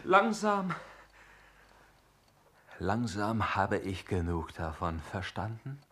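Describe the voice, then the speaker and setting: A man's voice: on the low side, huge pitch swings, takes it slowly, a bit bright, a little hiss or hum, full character voice. Sullen threatening young man, repeats himself, 1960s radio play. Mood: menacing. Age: young adult. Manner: threatening, brooding, repetitive. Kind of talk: 1960s German radio drama acting.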